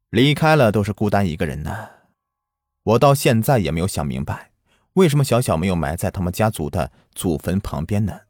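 Low-voiced man telling a ghost story. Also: darkish tone, no room sound, clean studio sound. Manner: earnest, recounting a childhood village memory. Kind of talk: first-person ghost story narration.

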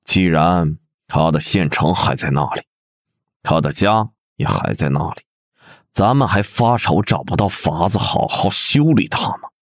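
A man's voice: sits low, expressive, a little slow, dry recording, studio quality, exaggerated voice. A man voicing a cold, ruthless prince who speaks with sneering contempt in a fan audio drama. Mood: commanding.

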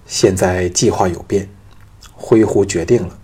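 A shrewd young soldier speaks in a low, rough, heavily husky voice, as a male audiobook narrator puts him on. He is calm and clipped, and keeps his scheming quiet. The storybook tone stays steady. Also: measured pace, full character voice. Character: young male soldier from the future, cool and cunning.

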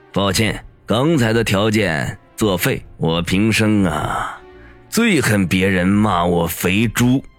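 In an audiobook, a man uses a slow, lowish voice pitched above his natural one to play an arrogant, lecherous young gang boss. The character sneers and gloats, letting out menacing chuckles, over soft background music.

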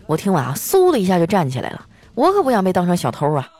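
Animated young woman telling comic stories. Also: lowish voice, fast talker, faint music behind. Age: young adult. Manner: animated, self-mocking, chatty. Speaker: host. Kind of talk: comic storytelling monologue with ad reads.

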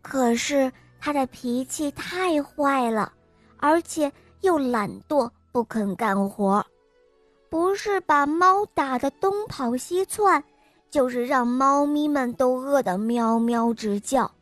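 Slow, high-voiced woman storyteller. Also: animated, no echo, soft background music. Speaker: storyteller host. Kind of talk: children's storybook reading.

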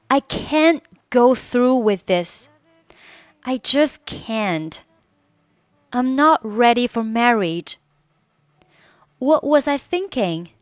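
A woman teaching English pronunciation, whose first language is Chinese, explaining in Chinese and repeating short English phrases slowly for learners to copy. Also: a little high, dry recording. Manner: slow, deliberate repetition of phrases for learners to copy. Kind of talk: pronunciation lesson with repeated drills.

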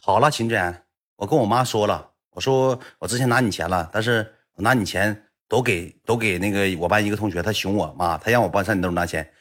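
A young man with a Northeastern Mandarin accent tells stories on a casual livestream, blunt and chatty. His voice is lowish and fairly bright, and he talks quickly.

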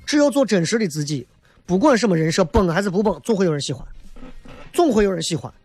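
A man's voice: high voice, lively intonation, fast talker, darkish tone, soft background music. A man hosting a talk show, giving a casual comedic monologue in a colloquial, emphatic way, often tossing in rhetorical questions.

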